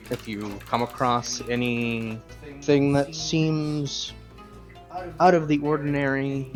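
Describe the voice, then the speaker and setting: A man voicing a calm, knowing male desert caravan guide in a tabletop game, over a voice call. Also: medium pitch, lightly acted.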